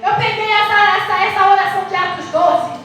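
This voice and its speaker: A middle-aged Brazilian woman pastor preaches with a very high, bright voice, pressing her words and drawing phrases out until they almost become song. Her sermon rings through a big, echoey church hall, heard from some distance from the mic, with soft music beneath it. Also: steady tone. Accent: Brazilian Portuguese. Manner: passionate, emphatic, drawn-out preaching with sung-out phrases.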